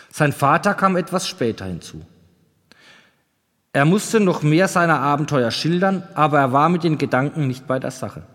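A man narrating a children's storybook in a calm, even storytelling manner. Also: fairly high pitch. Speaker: audiobook narrator. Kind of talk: scripted narration. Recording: long reverb.

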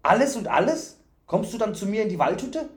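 A man's voice: a little high, very animated, normal speed, warm tone, roomy sound, voice pushed up. A man voicing a simple-minded, childlike male fool from the forest, eager and full of repeated questions. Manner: eager, questioning, singsong repetitions.

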